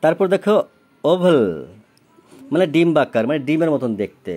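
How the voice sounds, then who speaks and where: A man's voice: a little high, lively intonation, moderate pace, a little mellow. A man, tutoring a child in a recorded homework lesson. He spells words letter by letter, gives their meanings, and keeps asking whether the child understands. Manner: often checks understanding with questions.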